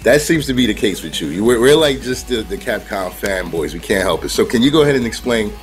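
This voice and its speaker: Upbeat low-voiced male show host. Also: animated, quick pace, faint music behind. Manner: upbeat, loose, affirming with 'right, right'. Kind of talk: casual interview chat. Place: home room, indoors. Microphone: headset on a video call.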